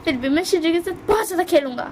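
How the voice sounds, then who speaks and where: A stubborn teenage boy insists on his point in a high voice, as a woman voices him. The story is told aloud with faint noise behind. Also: lively intonation, fast, darkish tone. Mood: insistent.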